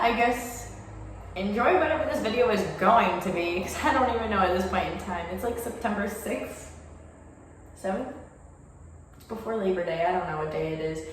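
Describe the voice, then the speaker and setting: A woman in her twenties chatting casually to her vlog audience in a new, empty house, with a big echo off the bare walls. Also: medium pitch. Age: 20s. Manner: chatty and rambling. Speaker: vlogger. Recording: big echo in an empty house, distant mic, faint hiss.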